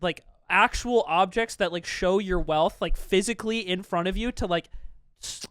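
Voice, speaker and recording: A young man on a casual podcast with a high, smooth, clean voice, thinking aloud and hedging as he makes his point. The mic sound is dry. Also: moderate pace, a bit bright, dry recording. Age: young adult. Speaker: podcast co-host.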